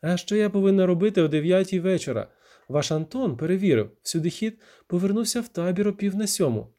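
A man's voice: expressive, moderate pace, warm tone, natural voice. A man reading an audiobook, voicing an angry, defensive young woman who snaps and accuses. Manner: shrill, accusing, snapping.

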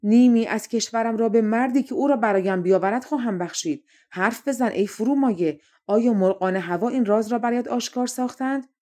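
An old, ugly king snaps out his orders in formal, commanding speech, as a woman narrator puts him on. He is impatient and hot-tempered, and his voice carries over the telling. The tone stays warm and mellow throughout this fairy-tale audiobook. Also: mid-range voice, close to an everyday voice. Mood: imperious.

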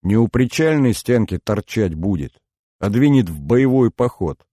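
A man reading a novel aloud in an unhurried, lyrical storytelling manner. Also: lowish voice, expressive, mellow, no echo, studio quality. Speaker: audiobook narrator. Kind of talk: scripted narration.

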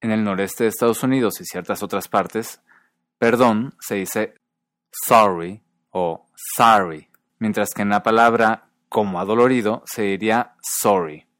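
Man, somewhat low voice, podcast host, clear scripted explainer who drags out example words, dry and close. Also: fairly even intonation, dry recording. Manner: explains clearly, repeats words slowly to demonstrate sounds. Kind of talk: scripted educational narration.

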